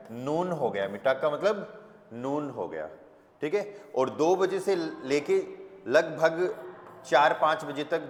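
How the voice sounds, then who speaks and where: A man teaching a language class, explaining slowly and patiently and often checking that students follow. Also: a little high. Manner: slow, patient explaining with frequent check-ins. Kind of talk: classroom lesson. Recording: echoey hall with long reverb.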